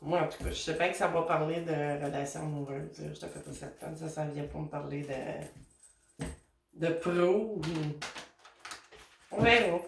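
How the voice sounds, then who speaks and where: Speaking in a deep, gravelly voice at normal speed with frequent pauses, a Québécois-accented card reader does a relaxed spiritual tarot and oracle session. She rambles chattily to her guides with plenty of fillers, captured in a roomy, somewhat distant recording with faint noise.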